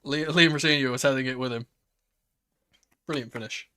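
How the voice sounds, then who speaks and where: A man commentates on a live football match as a watchalong host. He talks casually like a fan, excitable in his reactions, moving between low-key play-by-play and raised exclamations. His pitch sits at an ordinary male level. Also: a little fast.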